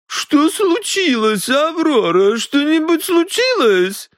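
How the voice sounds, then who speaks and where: A man's voice: very high-pitched, sing-song, takes it slowly, a bit bright, dry recording, clean studio sound, voice pushed up, full character voice. A man doing a plaintive timid young woman. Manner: plaintive, fluttery.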